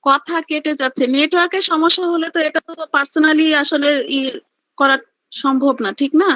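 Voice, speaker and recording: A stern woman teacher pressing her students with questions over an online class call that keeps dropping out, so her high voice breaks up. Her tone is bright and sharp, heard dry and close. The audio is dull and lo-fi. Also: fairly even intonation, moderate pace, no echo.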